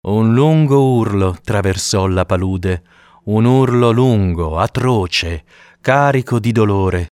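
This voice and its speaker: A man narrating an audiobook in an expressive storytelling manner. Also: on the low side, takes it slowly, smooth, no echo, clean studio sound.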